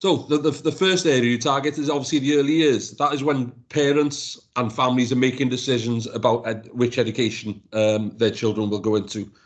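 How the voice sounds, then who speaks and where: Presenting slides to a council panel in the council meeting room, a council education officer speaks in a steady, mid-range voice. Welsh is his first language, and he stumbles along, repeating words and restarting often.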